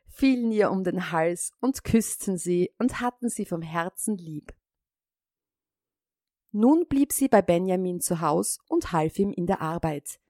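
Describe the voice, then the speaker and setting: A woman reading a fairy tale aloud in an unhurried, even storytelling manner. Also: fairly low pitch, dry recording, studio quality.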